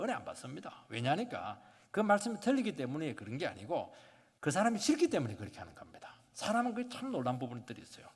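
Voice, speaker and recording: Male pastor, sermon, high bright voice, dramatic loud-to-whisper swings, acted-out quotes, long church reverb. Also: breathy edge. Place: church sanctuary.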